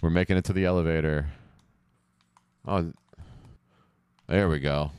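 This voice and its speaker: A man casually narrating his video game play to himself, rambling, swearing and getting loud during fights. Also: sits low, fairly even intonation, unhurried, clear, resonant tone, dry recording. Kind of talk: casual let's-play commentary. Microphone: headphones on, close podcast mic.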